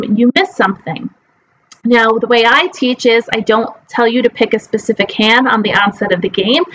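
A woman's voice: on the high side, fairly bright tone, poor audio. A woman in her forties teaching a live online class at a webcam, explaining step by step with frequent ums. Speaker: mah jongg teacher.

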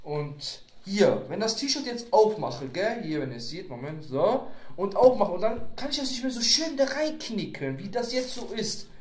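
Man, unboxing vlogger, casual rambling chat, jokey, bouncy pitch, echoey room. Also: animated, normal speed. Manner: rambling, joking, playful.

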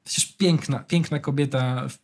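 Husky young guy cracking jokes with his co-host, mid-pitch, chatty and loose. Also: fairly even intonation, moderate pace. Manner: banters and swears, reads out search results. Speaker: podcast co-host. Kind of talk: casual chat.

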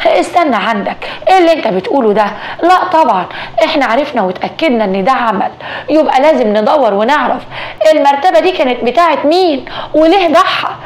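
A nervous, frightened Egyptian housewife, played by a woman storyteller. Her voice is high and rapid, and she keeps bursting into alarmed exclamations. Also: expressive. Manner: agitated, exclaiming. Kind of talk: storytelling dialogue.

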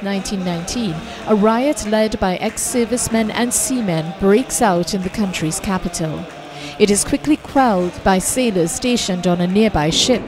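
Lady doing documentary narration, mid pitch, steady and measured, music playing under. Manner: measured, clear documentary delivery. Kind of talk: scripted narration.

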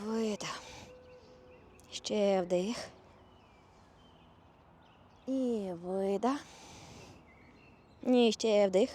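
A woman teaching a yoga class, guiding breaths and poses with calm, step-by-step cues. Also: medium pitch, slight background noise. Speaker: yoga instructor. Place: outdoors.

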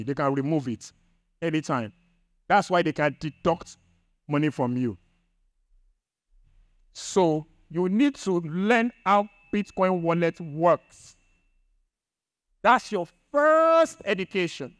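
A man's voice: fairly high pitch, no room sound. A man with a Nigerian accent hosting an event, explaining points to the audience in an instructive way and repeating key ideas. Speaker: event host.

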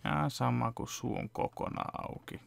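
In a casual vlog, a gravelly-voiced young man of medium pitch explains his fan dubbing step by step from a home computer desk. It's a relaxed behind-the-scenes chat with plenty of fillers.

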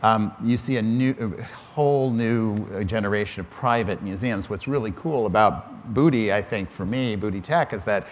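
A man's voice: lowish voice, moderate pace, hardly any pauses. Middle-aged man musing on a panel stage. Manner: thoughtful, restarts phrases often. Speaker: museum director on a panel. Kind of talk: panel discussion. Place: large hall on a stage before an audience. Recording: hall reverb with faint noise.

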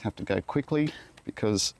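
Against a noisy background, a middle-aged Australian beekeeper on the low side speaks at a moderate pace. He gives a casual, hands-on talk to a tripod camera in an outdoor garden, muttering self-deprecating asides while he works.

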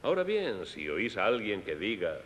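A man with a Castilian Spanish accent dubs a music lecture for young listeners, teaching and addressing them directly as the presenter of a children's concert lecture. His pitch swings widely at a moderate pace, and his voice sounds a bit bright with the highs cut off. The echoey hall adds long reverb and a faint rumble.

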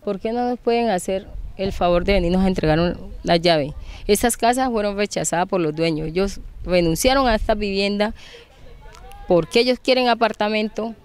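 A woman speaks outdoors into a reporter's handheld mic. She is indignant and insistent. Her voice comes through smooth and clear. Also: medium pitch, moderate pace. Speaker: displaced woman interviewed. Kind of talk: street interview. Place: outdoors by housing block.

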